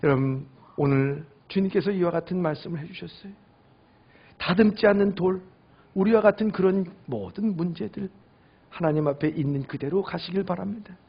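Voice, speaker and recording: A man preaching a Sunday sermon as pastor, acting out family quotes with lively swings of voice. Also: high-pitched, moderate pace, breathy edge, highs cut off. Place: church sanctuary.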